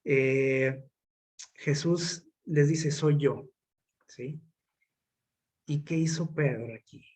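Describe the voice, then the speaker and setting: A man's voice: fairly high pitch, steady tone, very slow, darkish tone. A man, preaching a sermon in a casual style, often asking his listeners questions, with many fillers and restarts. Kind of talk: conversational sermon.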